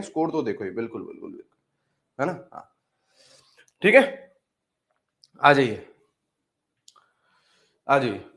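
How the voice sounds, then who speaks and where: A man's voice: medium pitch, a bit bright. A man teaching chemistry in an online class, repeating phrases over and over and scolding the students playfully. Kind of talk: live online class lecture.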